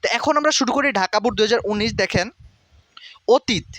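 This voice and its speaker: A man's voice: high voice, fast talker, fairly bright tone, no echo. A young man teaching an exam-prep lesson, repeating words aloud and speaking straight to the students. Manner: repetitive, drills words aloud, direct instructive address. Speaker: tutor.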